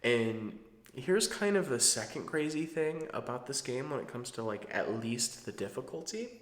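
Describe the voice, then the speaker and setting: A man's voice: medium pitch, animated, normal speed. Conversational man in an echoey room. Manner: digressive, conversational. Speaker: video channel host. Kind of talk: casual, rambling retro game commentary. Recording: roomy, echoing sound.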